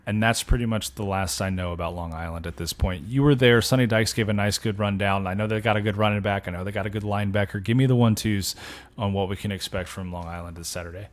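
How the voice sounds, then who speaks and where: A man co-hosting a sports podcast, talking in a measured, conversational way with a dry sense of humor. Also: fairly low pitch, steady tone. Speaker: podcast co-host. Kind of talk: casual sports podcast chat.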